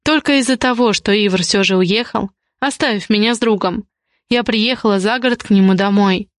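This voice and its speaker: A woman narrating a novel in the first person with an even, measured reading. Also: mid-range voice, dry recording, studio quality. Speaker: audiobook narrator.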